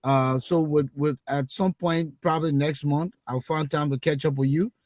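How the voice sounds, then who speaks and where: A man hosting a casual panel talk show, animated, often repeating words as he starts a sentence. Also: a little high, moderate pace, no room sound. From Liberia.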